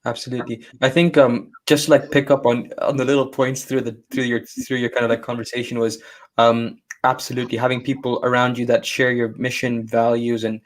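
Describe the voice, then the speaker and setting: A man's voice: mid-range voice, flat delivery, brisk. A man hosting a podcast, affirming his guest and talking through repeated restarts. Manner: affirming, rambling restarts, fillers like "like" and "you know". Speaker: podcast host. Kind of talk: conversational interview.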